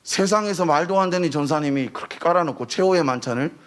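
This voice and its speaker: At a youth service, a missionary preacher gives his sermon testimony at a fast clip, telling it as an animated story and performing the voices of the people he quotes. At the high points he rises to emotional near-shouting.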